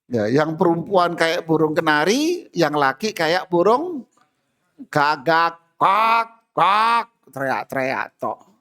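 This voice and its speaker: Male preacher, slow unhurried delivery, animated pitch, humorous sermon. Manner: humorous, acts out everyday scenes. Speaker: Islamic preacher. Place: mosque.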